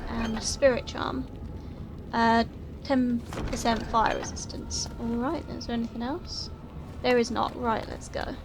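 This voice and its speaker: A woman's voice: fairly high pitch, background noise. A woman hosting a casual let's play, chatty and a little hesitant as she thinks aloud and reads choices. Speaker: gaming video host.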